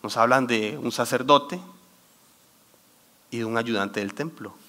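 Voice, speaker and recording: A man giving a sermon talk, telling a lively story and quoting scripture while getting over a cold. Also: medium pitch, unhurried. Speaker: church youth speaker.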